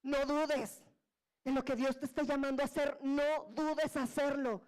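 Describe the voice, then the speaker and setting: A woman preaching a sermon, her voice pitched high. She tells the story in a lively, joking, everyday way and acts out what the people in it say. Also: unhurried. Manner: colloquial and humorous.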